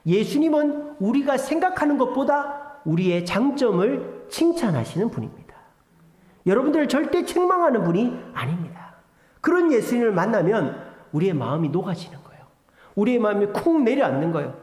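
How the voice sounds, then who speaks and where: A male pastor preaching a sermon, emphatic, swinging between loud exhortation and hushed asides. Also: high-pitched, very animated, brisk. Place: church sanctuary. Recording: echoey church hall with long reverb.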